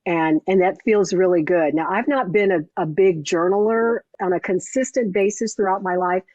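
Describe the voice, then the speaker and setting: A woman's voice: lowish voice, moderate pace, darkish tone, no echo. A woman hosting an interview, talking reflectively and affirming her guest, with frequent restarts. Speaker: host. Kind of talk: casual interview chat. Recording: dull lo-fi dry recording.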